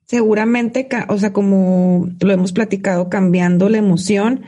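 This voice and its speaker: A woman with a Mexican accent in a reflective conversation, speaking in quick bursts with frequent restarts. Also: medium pitch, steady tone, mellow. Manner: gravelly voice, fast bursts with many restarts.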